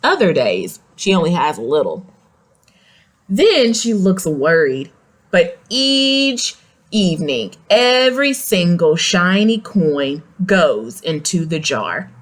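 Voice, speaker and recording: A woman with a lowish voice reads a picture book to young children slowly, her pitch swinging widely. She reads expressively, pausing for simple questions and explanatory asides.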